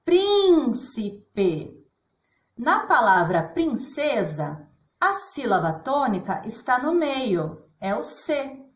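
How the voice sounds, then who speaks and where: A woman with a Brazilian Portuguese accent teaches a children's lesson in a slow, patient way. Her pitch moves a lot as she leans into the stressed syllable of each example word. The room around her gives back a clear echo. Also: big pitch swings, fairly bright tone. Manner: patient, stretches and stresses example words aloud.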